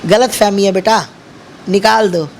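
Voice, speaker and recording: A woman speaks with fiery conviction, hammering her points home with repeated, chant-like phrases. Her voice has a gravelly, rough edge and sits at a middling pitch for a woman. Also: steady tone, a little slow, darkish tone, slight background noise. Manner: fiery, emphatic, repetitive slogans. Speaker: interviewee. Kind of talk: impassioned street interview.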